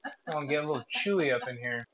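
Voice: mid-range voice, expressive, rapid-fire, a bit bright, slight background noise, low-quality recording. A streamer joking and swearing while playing a farming game, sometimes talking with a full mouth. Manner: jokey, swears casually, talks with mouth full. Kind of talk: casual gameplay chat.

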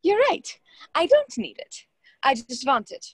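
Her voice sits high and swings hugely in pitch, unhurried and heavily acted, with no room sound at all. The young woman is in a radio play, voicing a haughty, scheming society hostess who taunts and condescends with cold, demanding hauteur.

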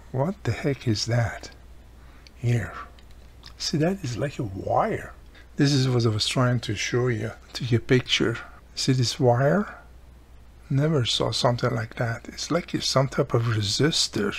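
The host, a radio repairer, talks through his work at an indoor workbench in short, casual comments. He has a gravelly voice of medium pitch. Room noise comes through in the background of this noisy recording.

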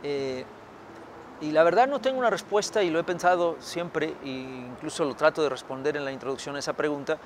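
Outdoors beside a building, a middle-aged Mexican historian and author answers interview questions thoughtfully, using lots of fillers and restarting sentences. His voice is on the high side and fairly quick, with some hiss or hum in the audio.

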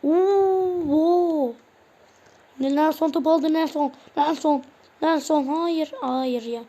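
A woman with a high voice narrates her own football video game match. She speaks slowly and loosely, shouting player names in short bursts. She grumbles at missed chances. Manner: calls out player names in quick bursts, exclaims at plays. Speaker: gaming channel host. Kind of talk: casual live gameplay commentary.

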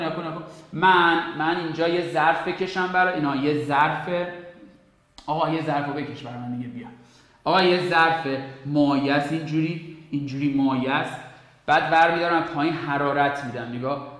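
Emphatic male tutor in an echoing room. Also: on the high side. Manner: emphatic, repeats words, swings loud and soft. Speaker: physics tutor. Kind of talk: energetic exam-prep lesson. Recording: very echoey room.

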